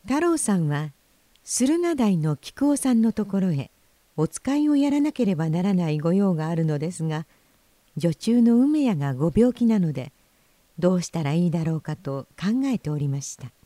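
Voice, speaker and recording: A woman hosting and narrating a children's story in a gentle, expressive reading voice on a close mic. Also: on the low side, moderate pace, dry recording. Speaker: host and narrator.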